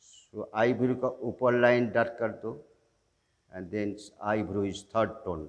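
A man teaching an online drawing class, giving slow step-by-step instructions and mixing in English. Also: on the low side, long reverb tail, highs cut off. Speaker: art teacher.

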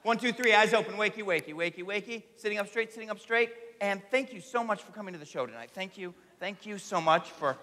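Bright, high-pitched man hosting a stage show. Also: fairly quick, hardly any pauses. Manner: projecting to an audience, commanding. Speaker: stage hypnotist and show host. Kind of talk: comedy stage hypnosis show. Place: large theatre stage. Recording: echoey theatre hall with audience noise.

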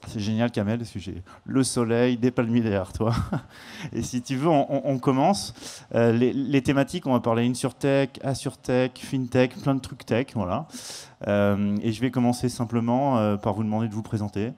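A man moderating a startup panel on a conference stage, chatty and halting, with frequent repeated words. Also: mid-range voice, steady tone, mellow. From France.

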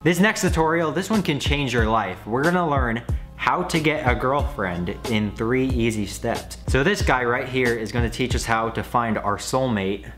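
A man's voice: medium pitch, moderate pace, fairly bright tone, soft background music. A young man reacting to online videos with sarcastic, mock-outraged comedic commentary.

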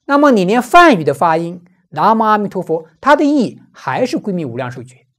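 A woman's voice: medium pitch, very animated, a little fast. A woman giving a Buddhist scripture commentary lecture, explaining patiently and posing rhetorical questions she answers herself.

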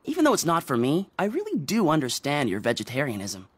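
A woman's voice: sits low, huge pitch swings, fast, husky, dry recording, exaggerated voice. A woman voicing a friendly, easygoing teenage boy who likes to tease, in a cartoon. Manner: easygoing, teasing.

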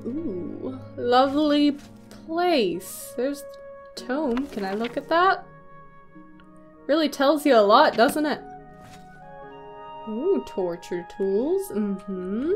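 A woman's voice: high voice, sing-song, very slow, long pauses, faint music behind. A woman in her twenties giving casual, sarcastic commentary as she plays a game. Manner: wry, sarcastic. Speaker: let's play host.

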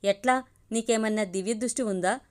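A woman voicing a troubled, tired young working wife in an audio story, speaking quietly and hesitantly. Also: medium pitch, brisk, lightly acted. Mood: plain. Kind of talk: audiobook character reading.

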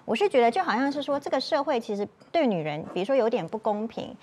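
Lively Taiwanese woman explaining. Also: a little high, quick pace, slight background noise. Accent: Taiwanese Mandarin. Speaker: doctor guest. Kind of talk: talk show commentary.

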